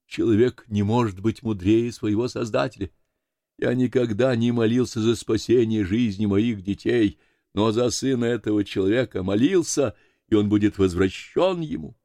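A man's voice: fairly low pitch, moderate pace, dark tone, no echo, clean studio sound, voice pushed up, lightly acted. A man voicing a grief-stricken, pious elderly man in an audiobook, speaking in a solemn, fervent way. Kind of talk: audiobook character voice.

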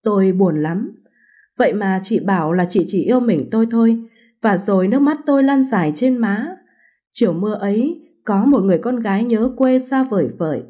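A woman narrating a first-person story as an audiobook, in an even, unhurried way. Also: mid-range voice.

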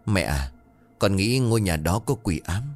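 A man's voice: low voice, animated, normal speed, darkish tone, faint music behind. A man voicing a shaken young husband. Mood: anxious. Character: frightened young husband and father.

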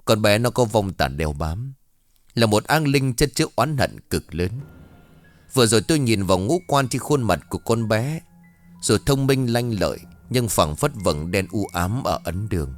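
A man's voice: fairly low pitch, animated, soft background music, lightly acted. A man doing a grave old spirit master. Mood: grave warning. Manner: grave, slow and foreboding.

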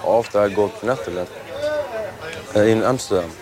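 A man from Albania speaks informal, halting English as a native Albanian speaker. His voice is on the low side, and there is a clear bustle of people around him as he is interviewed. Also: crowd noise. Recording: clear outdoor street noise around voice.

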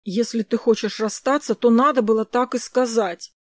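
A woman's voice: a little high, normal speed, no echo, lightly acted. A woman voicing a young man, a boyfriend who is insistent and hurt.

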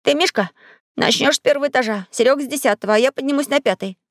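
A woman voicing an eager young boy in an audiobook, giving orders in a raised, lively tone. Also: high voice, very fast, no room sound, clean studio sound, pitched above the performer's own voice, close to an everyday voice. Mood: bossy.

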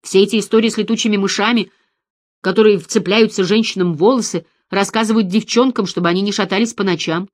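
A woman reading an audiobook, voicing a calm, patient man who reasons and lectures. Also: medium pitch, fast talker, dry recording, clean studio sound, natural voice. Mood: lecturing.

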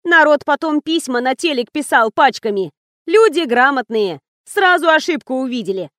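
A woman voicing a talkative female coworker who gossips and mocks in a lively way. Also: sits high, moderate pace, no room sound, clean studio sound. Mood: gossipy.

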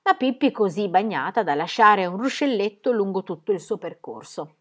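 A woman reading a children's book aloud in a lively, expressive manner. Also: moderate pace. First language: Italian. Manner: expressive, with rises and falls in pitch. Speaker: storybook reader.

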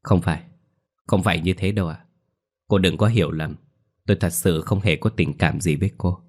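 A man's voice: deep voice, a little mellow. A man voicing a nervous young peasant who politely but firmly turns a girl down. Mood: awkward refusal. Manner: polite but hurried refusal.

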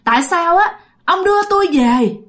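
A woman voicing the ghost of a drowned woman who speaks through a man, in a shrill, strange high voice. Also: animated, moderate pace, fairly bright tone. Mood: accusing.

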